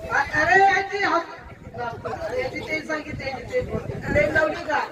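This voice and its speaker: High-voiced Marathi stage magician barking orders. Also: male voice, normal speed, background noise. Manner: commanding, counts and barks drill orders. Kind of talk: live stage patter with children. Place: outdoor birthday event. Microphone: handheld stage mic. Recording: echoey crowd, far from mic.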